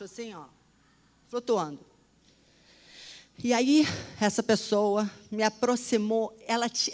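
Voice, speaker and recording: A woman telling a personal testimony in an animated, dramatic way, often dropping to a hushed voice. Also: medium pitch. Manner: animated, dramatic storytelling with sudden drops to a hush. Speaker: storyteller.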